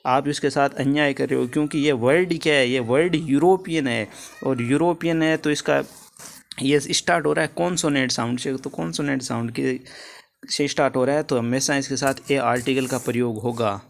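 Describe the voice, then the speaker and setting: A man's voice: medium pitch, normal speed, creaky. A man teaching English grammar for an exam in Hindi, going through answers step by step, repeating key words and checking in with his students.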